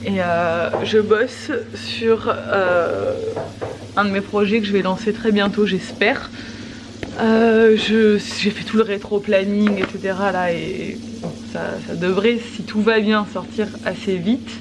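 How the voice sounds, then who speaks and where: A woman chats casually in the manner of a home vlogger. Her pitch is average for a woman, and clear noise sits behind her voice. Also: steady tone, unhurried. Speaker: vlogger and mother. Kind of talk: casual vlog chat.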